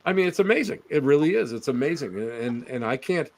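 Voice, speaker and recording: An older man from Western New York chatting casually on a podcast, animated and teasing, often laughing. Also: fairly high pitch, fast. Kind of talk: casual chat.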